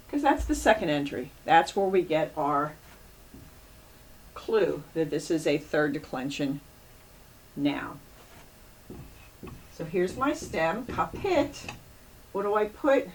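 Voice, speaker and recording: A woman teaching a Latin grammar lesson, patiently repeating and drilling word endings as she works at the board. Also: on the low side. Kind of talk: classroom lecture at a board. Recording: distant mic with faint room noise.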